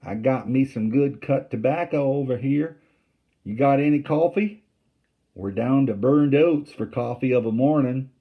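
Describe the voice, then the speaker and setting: A man voicing a friendly Confederate soldier on picket duty, speaking with a soft Southern drawl. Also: mid-range voice, measured pace, phone-quality sound, voice pushed up.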